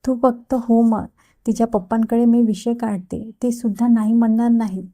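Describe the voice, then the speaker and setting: A woman's voice: on the high side, steady tone, moderate pace, mellow, natural voice. A woman voicing a teasing young sister. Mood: insistent. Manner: teasing and insistent.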